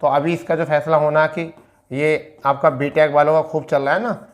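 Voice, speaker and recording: Delivering flatly at a normal speed, a man with a higher voice and an Indian accent presents an educational explainer based on an on-screen document. His style is casual, with repetition, self-answered questions, and English terms mixed in.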